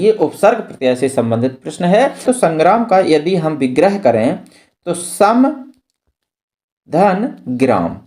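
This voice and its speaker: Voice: medium pitch, warm tone. A teacher giving an exam-prep lesson. They read multiple-choice questions aloud and explain the answers patiently, repeating key terms. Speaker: Hindi grammar teacher.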